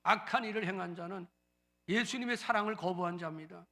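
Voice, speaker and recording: A male pastor with a strikingly high, bright voice delivers a sermon. He slips from hushed explanation into slow, shouted proclamations, and he calls on the congregation to repeat after him. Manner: swings between soft talk and loud proclaiming; leads the congregation in call-and-response.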